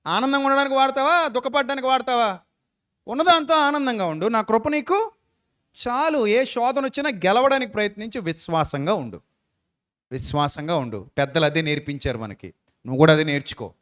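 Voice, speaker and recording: Preacher, male, high voice, folksy, keeps questioning the congregation. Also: lively intonation, a little fast, fairly bright tone. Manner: folksy, questioning the listeners directly, acting out quoted people. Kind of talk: sermon with closing prayer.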